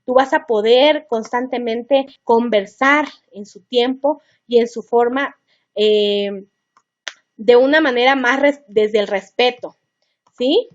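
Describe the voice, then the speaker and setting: A middle-aged woman with a high voice teaches parents in a seminar. She talks in a chatty, earnest way, addressing the listener directly, and the recording sounds dull and lo-fi. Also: slow pace.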